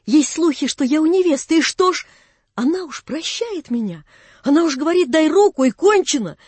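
A woman voicing an eager, flustered young nobleman who pleads his innocence in an excited, rushed way in a storybook reading. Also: sits high, no room sound, pitched above the performer's own voice. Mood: excited pleading.

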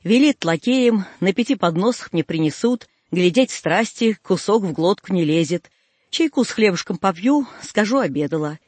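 A man reading a first-person folk tale aloud, telling it in a folksy, plaintive way with a husky voice. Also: high voice, animated, moderate pace, darkish tone, dry recording. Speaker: audiobook reader.

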